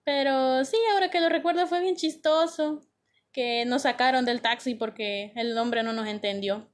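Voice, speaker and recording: A woman with a high voice shares anecdotes in a chatty, easygoing way. She strings her stories together freely, as if talking to a friend. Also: moderate pace. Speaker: interviewee. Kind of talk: casual recollection.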